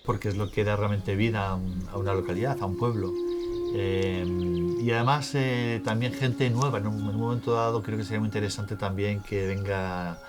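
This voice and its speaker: A man's voice: lowish voice, steady tone, normal speed, loud music behind the voice. A man, a village resident, speaking spontaneously and hesitantly in an interview as he searches for words.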